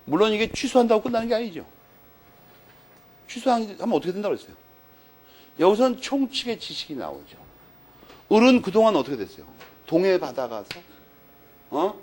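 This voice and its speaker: A male law lecturer spins a story for his class and plays out every exchange. His pitch swings wildly from high to low, and his voice sits a bit above the usual male range. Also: a little hiss or hum. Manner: animated storytelling, acts out dialogue, frequent "eh?" tags.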